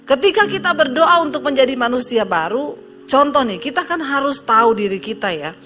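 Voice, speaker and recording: A woman's voice: sits high, sing-song, a little fast, sharp tone, soft background music. A woman pastor from Indonesia preaching a sermon, telling a story and acting out the voices in it, often addressing her listeners directly.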